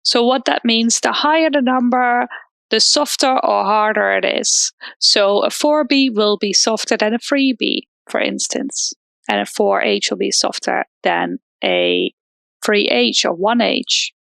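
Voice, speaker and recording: This drawing lesson demo features a young Dutch art teacher explaining basics stepwise, using occasional fillers, from a hairdresser's salon turned temporary studio. Her mid-range voice is gravelly and fairly bright, with lively intonation and a slightly slow delivery, and there's no echo.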